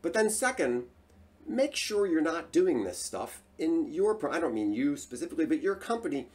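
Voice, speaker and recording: A man hosts a solo talk for his channel. His voice sits a little high, and his pitch moves a lot as he speaks. He delivers it in an animated, emphatic way. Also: moderate pace. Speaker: host.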